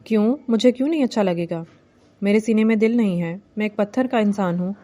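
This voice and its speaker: A woman's voice: medium pitch, mellow, close to an everyday voice. A woman voicing a domineering young male village landlord in a novel reading, commanding and teasing.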